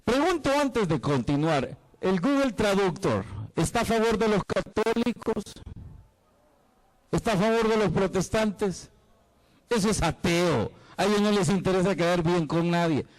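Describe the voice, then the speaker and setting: Man with a very lively pitch. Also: measured pace, rough recording. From El Salvador. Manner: dramatic, playful, asks the listener questions. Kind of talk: lively apologetics talk.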